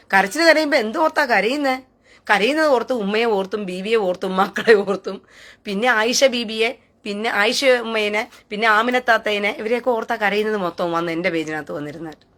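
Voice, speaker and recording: A woman's voice: mid-range voice, a bit bright. A woman hosting a live stream, taunting and scornful, who keeps asking jeering questions. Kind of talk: mocking live rant.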